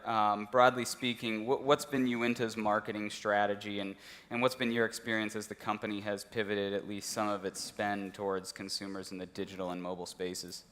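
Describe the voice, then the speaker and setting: A man moderating a conference panel, relaxed and joking, with many fillers. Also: lowish voice. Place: conference stage. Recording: long reverb of a conference hall.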